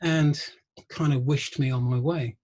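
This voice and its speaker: A middle-aged man, a guest musician and researcher, telling wry anecdotes in an interview, often pausing with ums. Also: medium pitch, fairly even intonation, mellow, husky. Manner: anecdotal, wry, laughs through stories, frequent ums. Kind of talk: conversational interview storytelling.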